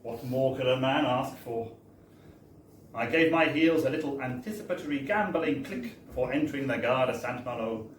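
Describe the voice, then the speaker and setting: At a book launch, a British man reads aloud a wry, first-person comic story, telling it in a chatty, theatrical way. His pitch is medium and his speed normal. The live bar setting is echoey, with a distant mic and faint noise.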